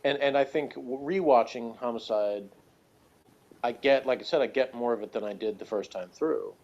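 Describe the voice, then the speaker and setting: On slightly dull, lo-fi audio, a review-show co-host talks casually in a mid-range, darkish voice at ordinary speed. He hedges as he explains himself, qualifying his own words as he goes.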